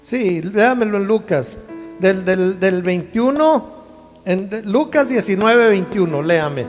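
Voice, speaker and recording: A man's voice: high voice, lively intonation, unhurried, in a large hall, soft background music. A male pastor preaching a sermon in a conversational way, often checking in with the congregation through rhetorical questions.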